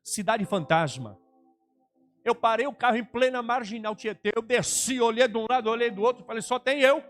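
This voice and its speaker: Dramatic high-voiced São pastor. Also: male voice, normal speed, soft background music. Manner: dramatic, acts out dialogue, swings from shouting to hushed. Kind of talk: testimony sermon.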